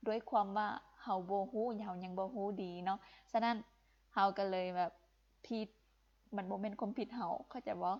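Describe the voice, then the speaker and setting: A woman's voice: a little high, lo-fi sound. A young woman from Laos teaching Vietnamese in a live-streamed lesson, encouraging and repeating phrases for emphasis.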